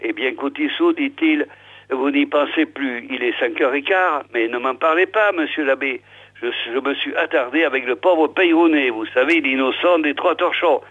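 A kindly, hardworking village potter in his own everyday voice, as a male storyteller plays him. He talks briskly and plainly. The recording is thin and phone-like. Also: mid-range voice, dry recording, lightly acted. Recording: tinny phone-like old recording.

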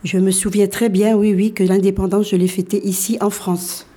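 A woman in her sixties, born in Algeria, telling her life story as a radio guest and often pausing to restart her sentences. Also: medium pitch, little pitch movement, mellow. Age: 60s. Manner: hesitant, many fillers and restarts.

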